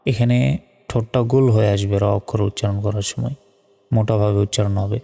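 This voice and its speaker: A man teaching Quran recitation step by step. He spells out Arabic syllables slowly and patiently, and chants the verses slowly and melodically. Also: on the low side, steady tone, gravelly, dark tone, long reverb tail.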